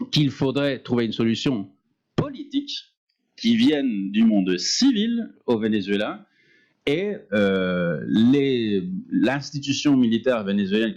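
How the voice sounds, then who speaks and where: A man speaking deliberately and emphatically as a panel analyst at a public conference, stretching key words. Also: medium pitch, a little mellow, dull audio.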